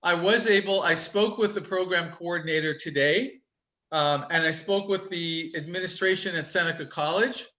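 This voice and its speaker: A man teaching a casual online college class over a video call, chatty and upbeat, quick-talking and fond of teasing his students with jokes. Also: high voice, bright, forceful tone, rough recording. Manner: talks quickly. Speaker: college instructor.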